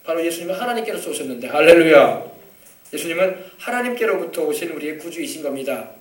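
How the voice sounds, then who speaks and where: A male pastor with a high voice preaches an animated sermon and keeps asking the congregation short questions. His voice rings through a roomy church hall and is picked up from some distance off the mic. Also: fast talker. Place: church sanctuary.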